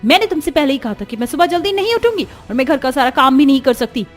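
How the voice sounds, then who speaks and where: A woman's voice: high-pitched, big pitch swings, fast, soft background music. Woman voicing a defiant, spoiled young wife. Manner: sharp and defiant.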